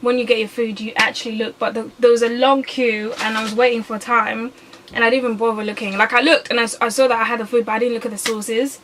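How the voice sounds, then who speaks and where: A young woman chatting casually to camera while eating, animated and quick to get exasperated. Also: a little high, a little hiss or hum, low-quality recording. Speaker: YouTuber.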